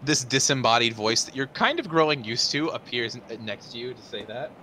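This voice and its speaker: A man's voice: mid-range voice, lively intonation, a little fast, pushed and bright. A man casually narrating a tabletop game as game master, in a conversational and somewhat hesitant way. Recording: noisy room recording.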